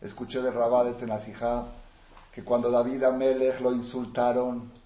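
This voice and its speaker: A man's voice: medium pitch, moderate pace. Man, rabbi, Torah lecture, emphatic rhetorical questions, reverberant room. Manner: animated, swinging from soft asides to loud emphatic questions. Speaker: rabbi teaching a Torah class. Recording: roomy with faint noise.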